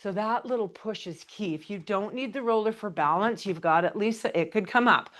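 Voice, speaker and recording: A woman's voice: mid-range voice, moderate pace, fairly bright tone. A woman pilates instructor leading a live exercise class, calling out counts and breath cues in a chatty, encouraging way. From Canada. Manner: chatty, laughs between cues.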